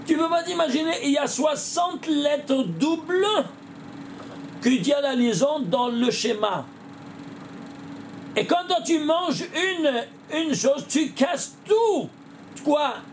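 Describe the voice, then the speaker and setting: Rabbi guy teaching torah, highish gravelly voice, keeps asking the room questions, yells sometimes. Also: slow, long pauses, a little hiss or hum. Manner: animated, questioning the audience, bursts of shouting. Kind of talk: Torah lesson.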